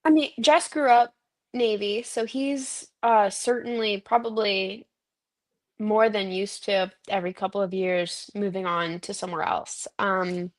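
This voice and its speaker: A woman's voice: medium pitch, fairly even intonation, a little slow. A woman from Virginia, a guest in casual chat, talking in long rambling runs with many fillers.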